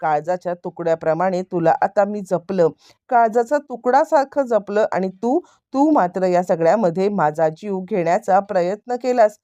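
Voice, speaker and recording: A woman's voice: mid-range voice, normal speed, mellow, muffled recording, close to an everyday voice. A woman narrator voicing an angry, heartbroken middle-aged man who was betrayed by his brother, asking pleading, reproachful questions.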